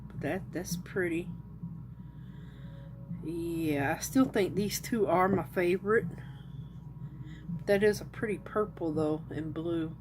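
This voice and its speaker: A woman's voice: fairly low pitch, slow, long pauses, music in the background. A woman hosting a casual crafting vlog, chatting and thinking aloud as she shows her work. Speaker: resin crafter and channel host. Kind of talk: casual show-and-tell vlog.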